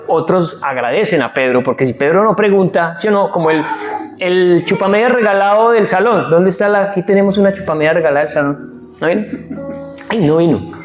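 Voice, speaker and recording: A man preaching a sermon as pastor. He reads scripture slowly, then preaches with lively asides to the congregation. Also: high-pitched, roomy sound. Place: church hall.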